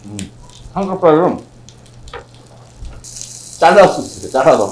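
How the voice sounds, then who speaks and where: A man eating on camera, talking with his mouth full and chewing, letting out drawn-out wows between bites. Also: a little high, very animated, a little mellow, roomy sound. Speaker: mukbang vlogger. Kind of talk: casual mukbang commentary. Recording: noisy sizzling grill behind.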